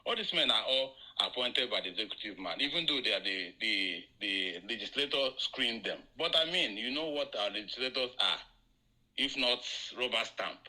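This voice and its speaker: Caller on a conference call, patchy dropping audio, sharp bright voice, lively pitch, halting. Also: male voice, rough recording. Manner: halting, restarts often, rising emphatic questions. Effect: heard over a conference call line, audio cutting in and out. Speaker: caller on a live audio show. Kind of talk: casual call-in opinion.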